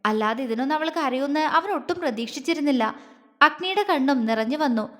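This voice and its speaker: A woman storyteller reading a scripted family love story in a steady, measured way, with a long hall reverb. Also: high-pitched. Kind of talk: scripted audio story narration.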